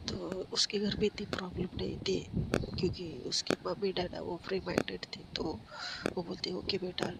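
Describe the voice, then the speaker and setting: A slightly hoarse storyteller casually narrating a spoken story, with fillers and self-corrections. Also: mid-range voice, heavy background noise. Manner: flat, unhurried retelling with fillers and self-corrections.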